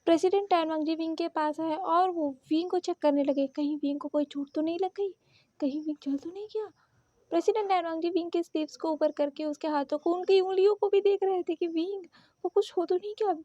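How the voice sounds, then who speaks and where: Very high-voiced woman telling a story. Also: brisk, warm tone, no echo, dull audio. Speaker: narrator. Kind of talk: storytelling narration of fan fiction.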